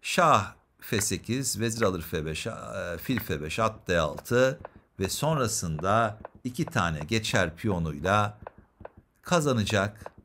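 An animated chess instructor and commentator analyzes a game, explaining the moves in a fairly low, slow voice and putting rhetorical questions to his viewers. There's a slight hiss or hum on the recording.

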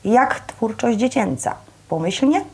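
A woman's voice: fairly high pitch, lively intonation, unhurried, pitched above the performer's own voice. Woman reading a chatty, bustling aunt in a storybook. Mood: cheerful. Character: bustling middle-aged aunt, chatty mother.

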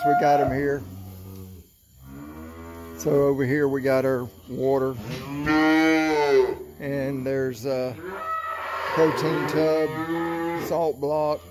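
A middle-aged Florida man who sells cattle walks through an open barn at night, filming a casual walkthrough vlog on a handheld phone camera. In a mid-range voice he talks slow, unhurried country talk with fillers, counting calves aloud. The outdoor phone recording is noisy.

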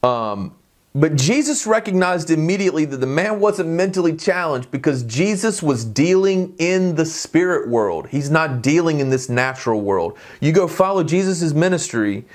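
A man preaching a sermon, teaching in a conversational way, often checking in with the listeners and reading scripture aloud quickly. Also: a little high, expressive.

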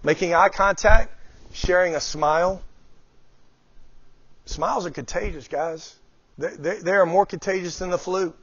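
A man's voice: high-pitched, unhurried, pauses often, a bit bright, slightly rough, dry recording. A middle-aged man speaking as a guest speaker, giving a motivational talk on leadership and often putting questions to his audience. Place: small room before a live group. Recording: dull lo-fi, dry sound.

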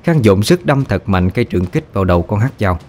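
A man narrating a ghost story in a steady, dramatic way. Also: on the low side, fast, soft background music.

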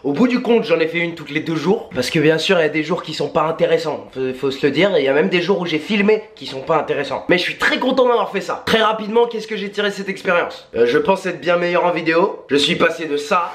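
A young man from France, a sports vlogger, casually telling stories to camera with lively asides. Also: fairly high pitch, fast talker, hardly any pauses. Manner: lively storytelling, animated asides. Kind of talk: casual vlog narration.

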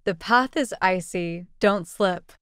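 A woman reading short English practice sentences aloud in an even, deliberate way. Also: mid-range voice, smooth, no echo, studio quality.

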